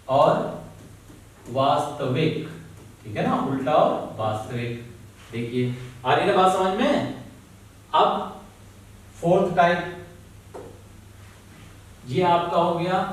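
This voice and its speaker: A man teaching a physics lesson to students, speaking slowly, repeating key words and often checking that they follow. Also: fairly high pitch. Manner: slow, repeats key words, keeps asking "ठीक है ना?"; calls students "बेटा". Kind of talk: classroom lesson. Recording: very echoey room, voice from far off.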